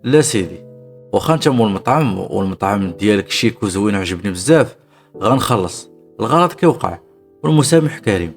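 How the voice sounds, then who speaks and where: Male narrator doing a cunning young Moroccan woman, brash and quick-tongued, low voice, rapid delivery. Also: animated, soft background music. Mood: polite. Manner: loud, indignant complaining. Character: scheming young woman, bold and sharp-tongued.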